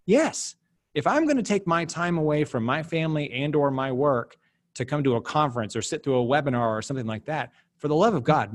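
A man speaking as a podcast guest, emphatic and animated, his pitch jumping up when he drives a point home. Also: dry recording. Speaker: guest, business development director. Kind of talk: casual podcast interview.

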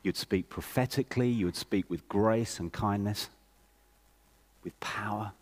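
A man's voice: on the low side, unhurried, breathy edge. A man at a church service making an announcement and then praying fluently and earnestly for two new team members. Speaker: church leader. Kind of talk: announcements and spoken prayer.

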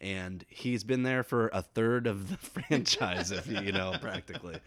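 A man's voice: on the low side, moderate pace, fairly bright tone. A man from the Cincinnati area, a podcast guest chatting casually and laughing often as he tells stories. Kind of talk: casual chat.

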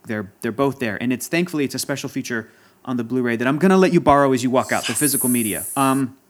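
A man's voice: medium pitch, fast. A man in casual chat as a podcast guest, talking in a passionate, rambling and emotional way. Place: Los Angeles area.

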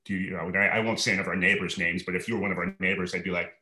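A man in his forties, a restaurant manager guesting on a podcast, talking in a rambling, relaxed way full of fillers and restarts. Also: deep voice, very fast, reverberant. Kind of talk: relaxed conversational interview.

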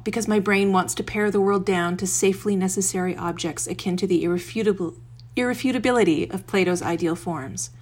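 Woman reading her blog under a blanket. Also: mid-range voice. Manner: wry, self-deprecating. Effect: close, muffled sound from recording under a blanket. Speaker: blogger. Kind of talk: reading her own blog post aloud, then casual chat.

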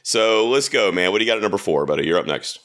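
A man's voice: lowish voice, animated, quick pace, a bit bright. A man hosting his own podcast, chatting casually and easily about movies with a co-host. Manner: easygoing, loose, chatty. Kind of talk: casual chat.

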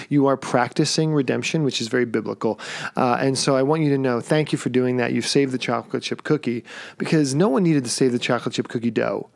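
Creaky, playful male podcast host. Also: mid-range voice. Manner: playful and teasing, lots of laughing. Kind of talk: casual joking chat.

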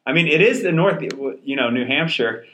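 A man's voice: medium pitch, animated, normal speed, sharp tone, reverberant. A man co-hosting a travel podcast, chatting casually and joking with his co-host in a coworking space.

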